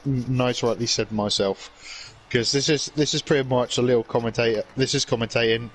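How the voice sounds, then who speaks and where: A man's voice: medium pitch, fairly even intonation, fairly quick, slight background noise. A man co-commentating a sim race, joking and easygoing. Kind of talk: live esports race commentary.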